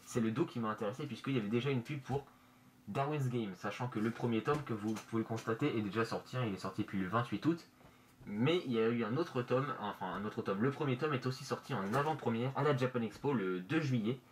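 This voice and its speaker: A man presenting casually in a halting, hesitant way, his voice slightly muffled through a face mask in a bedroom. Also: medium pitch. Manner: hesitant, halting, searching for words. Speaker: manga review vlogger. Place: bedroom, indoors. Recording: noisy amateur room recording.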